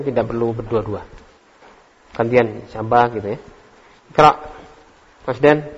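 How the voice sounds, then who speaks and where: A man teaching an Arabic language class, calling on students by name, quizzing them on words and correcting their reading. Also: medium pitch. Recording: echoey hall, dull lo-fi recording.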